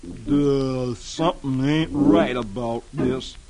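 A man voicing a dim, slow-witted male bear who speaks haltingly. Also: mid-range voice, heavy background noise, voice pushed down, natural voice. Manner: slow and halting, with dull fillers.

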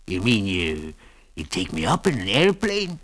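A man's voice: sits low, wildly swooping pitch, measured pace, fairly bright tone, heavily acted. A man doing a wheezy old prospector. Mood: eager. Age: older. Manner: drawling, hesitant with uh and folksy grammar. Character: old simple-minded male prospector, slow and rustic. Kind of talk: audiobook character voice.

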